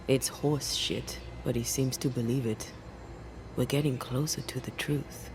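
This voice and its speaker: An actor playing a blunt, watchful companion giving wary counsel in a video game, speaking deliberately. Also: male voice, mid-range voice, steady tone, background noise, close to an everyday voice. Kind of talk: dramatic video game acting.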